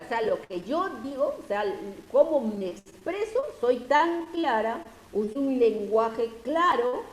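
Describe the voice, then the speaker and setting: Peruvian teacher explaining in an echoey room. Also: female voice, mid-range voice, slight background noise. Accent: Peruvian Spanish. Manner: explanatory, many fillers and tag questions. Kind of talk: online class lecture. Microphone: video call.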